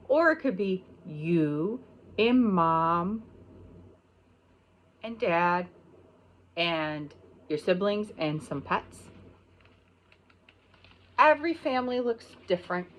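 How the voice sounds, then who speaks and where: With a slightly bright, mid-range voice, a middle-aged American woman reads a picture book to young children as their pre-K teacher. She explains it simply and pauses on the key words.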